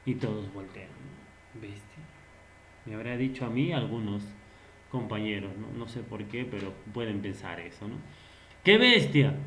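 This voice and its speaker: Unhurried male teacher in an echoey room. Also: medium pitch, a little hiss or hum. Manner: explains patiently, asks rhetorical questions, acts out example phrases. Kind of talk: recorded online language lesson.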